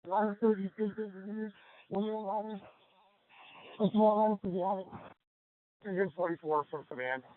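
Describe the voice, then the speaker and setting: An urgent firefighter's radio voice, a man pitched well above the usual. He speaks as incident commander over a muffled, narrow two-way channel, giving orders to crews. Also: fairly even intonation, moderate pace, long pauses, no echo. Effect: two-way radio transmission. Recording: muffled band-limited radio transmission.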